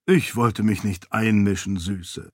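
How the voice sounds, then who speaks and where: A man's voice: fairly low pitch, steady tone, slow, darkish tone, breathy edge, dry recording. A man doing a fond, worried king in an audiobook, fatherly toward his daughter and grave in tone. The recording is dry and close, with no room sound. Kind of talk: audiobook character voice.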